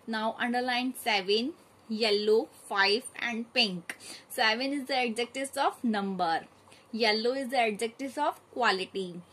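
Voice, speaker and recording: A woman teacher going through a grammar exercise, reading each sentence and then calmly telling the children which words to underline. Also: a little high, a little slow, low-quality recording. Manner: steady, methodical dictation of exercise answers. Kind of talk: grammar lesson, reading out answers.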